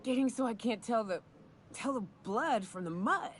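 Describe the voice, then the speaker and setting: A woman's voice: fairly high pitch, expressive, normal speed, a little hiss or hum, lightly acted. A woman voicing a drunk, crude and folksy frontier monster hunter in a video game, rambling and stumbling over words. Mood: boozy storytelling. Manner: boozy, rambling, drawling folksy delivery with stumbles. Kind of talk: video game dialogue acting.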